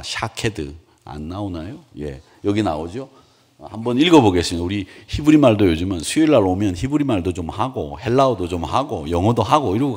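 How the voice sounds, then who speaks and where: A middle-aged man preaching a Wednesday church sermon in a conversational way, asking his congregation questions and having them repeat words after him. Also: on the low side. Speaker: pastor. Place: church sanctuary.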